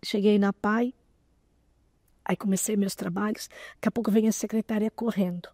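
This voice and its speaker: A woman in her sixties, a guest in an interview, telling a personal story in an animated way, often close to tears. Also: medium pitch, normal speed, no echo. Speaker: interview guest, association president.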